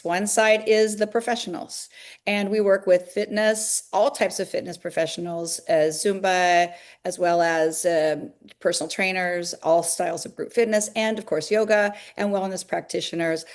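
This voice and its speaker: A woman's voice: medium pitch, fairly even intonation, normal speed. A woman, a longtime fitness business owner, explaining her company at length in an interview, with many fillers. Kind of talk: interview answers.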